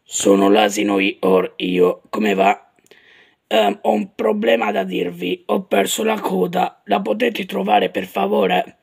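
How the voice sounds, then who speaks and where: Una donna che imita un asino dei cartoni, maschio, triste e lento, con voce bassa e sommessa. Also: female voice, animated, slow, vocal fry, husky, exaggerated voice. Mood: glum. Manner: low, mournful, quiet. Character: glum slow male cartoon donkey.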